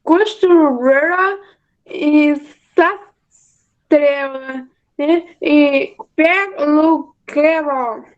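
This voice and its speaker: Student girl reading words real slow, high voice, muffled audio. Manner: reads words slowly aloud.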